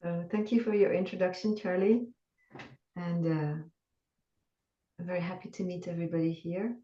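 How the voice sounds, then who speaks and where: A woman from France with a French accent, calmly and earnestly explaining her spiritual experience as an interview guest. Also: lowish voice, moderate pace. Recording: dull distant roomy call audio.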